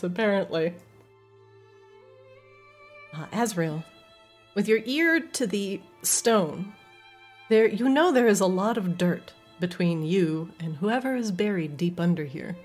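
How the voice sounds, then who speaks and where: A woman running a tabletop role-playing game as game master, narrating scenes to her players. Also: on the low side.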